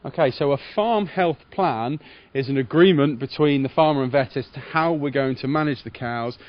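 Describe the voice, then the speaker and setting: A man, a farm veterinarian giving measured, formal explanations in an interview. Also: medium pitch, highs cut off. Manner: measured, formal veterinarian explaining carefully in plain professional terms.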